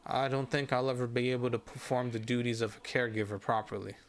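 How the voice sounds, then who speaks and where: A man voicing a calm male wanderer who speaks softly and evenly. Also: medium pitch, lightly acted. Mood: calm, wry. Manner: soft, quiet and measured. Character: calm immortal male wanderer, gentle and quiet.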